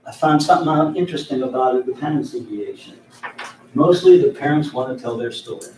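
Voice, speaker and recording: A man teaching a room full of trainees in a loose, anecdotal way, his voice sitting a touch higher than most men's. He is caught from across an echoey room by a distant mic. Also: slight background noise. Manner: chatty, anecdotal, chuckles between points. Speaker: mediation trainer. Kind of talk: informal training lecture.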